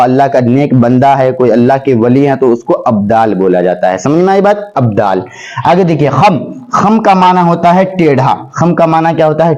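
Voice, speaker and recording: A man's voice: mid-range voice, mellow. A man teaching grammar for an exam. He asks questions and answers them himself, repeating key words with emphasis. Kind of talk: classroom-style exam lesson. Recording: slightly dull lo-fi recording.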